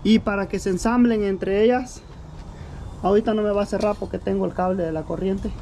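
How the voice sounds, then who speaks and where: A man's voice: high-pitched, steady tone, brisk, warm tone. Man explaining carpentry in a noisy, echoey yard. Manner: explains step by step, checks in with frequent "ok?". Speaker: home repair vlogger. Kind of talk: casual how-to narration. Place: outdoor workshop by a shed.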